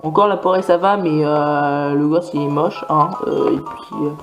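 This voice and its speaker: A man's voice: on the high side, moderate pace, dull audio, music in the background. Rambling man narrating a video game. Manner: rambling, many fillers and restarts. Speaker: video game let's player. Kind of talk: casual gameplay commentary.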